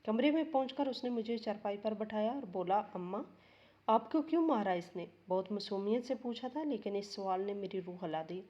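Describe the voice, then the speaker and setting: A woman narrating an emotional first-person story in a slow, sorrowful, heartfelt way. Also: medium pitch, dark tone, muffled recording.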